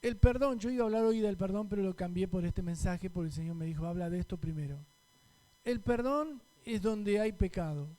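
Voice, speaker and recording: High-voiced Argentine pastor preaching. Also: male voice, a little fast, warm tone. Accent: Rioplatense Spanish. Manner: conversational preaching with rhetorical questions to the congregation. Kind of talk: sermon.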